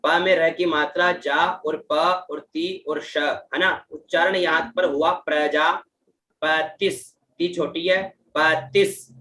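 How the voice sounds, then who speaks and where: A man teaching Vedic chanting in a bright, high voice, recorded from a distance with an echoey room and faint background noise. He speaks very slowly and patiently, breaking each syllable down. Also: steady tone. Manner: patient, spells out syllables and pitch accents one by one. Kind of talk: teaching Sanskrit mantra pronunciation. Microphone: online class setup.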